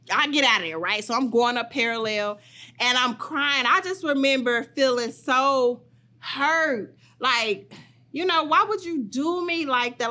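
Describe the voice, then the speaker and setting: Young adult woman, podcast co-host, bright higher voice, emphatic casual storytelling. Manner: animated, emphatic retelling.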